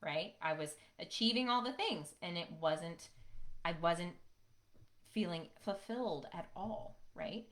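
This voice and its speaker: A woman's voice: fairly low pitch, unhurried, fairly bright tone. A middle-aged woman, hosting a podcast and telling her own story in a casual, conversational way, often checking in with "right?". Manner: conversational, frequent "right?" tag questions. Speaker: podcast host.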